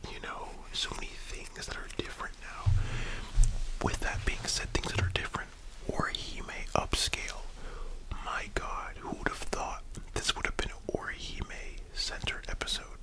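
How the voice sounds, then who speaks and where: A person speaking in a soft, breathy whisper, musing casually like an ASMR host in a discussion video. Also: a little slow, low-quality recording.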